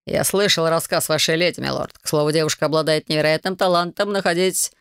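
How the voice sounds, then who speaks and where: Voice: mid-range voice, steady tone, fast talker, fairly bright tone, clean tone, dry recording, natural voice. An audiobook narrator voicing a sardonic male ghost with a viscount's dry, mocking courtesy.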